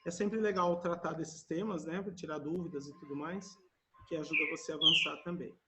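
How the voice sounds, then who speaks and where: A man's voice: on the high side, fairly even intonation, a little fast, heavy background noise. A man with a Brazilian Portuguese accent teaching English on a video call, patiently repeating words for his students to echo. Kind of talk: online class teaching.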